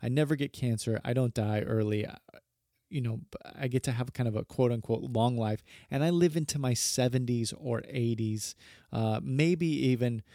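A man's voice: medium pitch, moderate pace, dark tone, no room sound, studio quality. A man in his thirties, a pastor hosting a podcast, talking casually in a rambling, earnest way and often correcting himself. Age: 30s.

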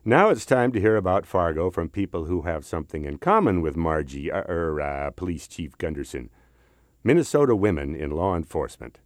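Brief: jokey guest presenter, low man's voice with animated pitch. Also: brisk, dry recording, studio quality. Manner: playful, jokey. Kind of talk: radio introduction.

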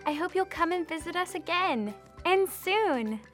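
A young woman with a high, bright voice, talking slowly and sweetly to small children. She has a cheery sing-song manner, and soft music plays underneath. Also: lively intonation. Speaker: children's librarian host. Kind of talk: children's video presenting.

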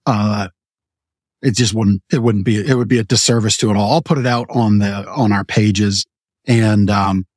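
A man co-hosting a podcast, making relaxed, chatty announcements and asking questions. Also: lowish voice, no echo. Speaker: podcast co-host. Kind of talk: casual show chat.

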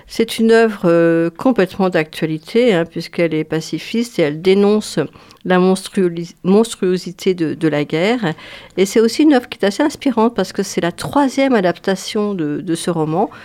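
A woman's voice: fairly low pitch, animated, normal speed, a little mellow. A woman giving a film column on a radio show in a studio, chatty and hesitant, with many fillers.

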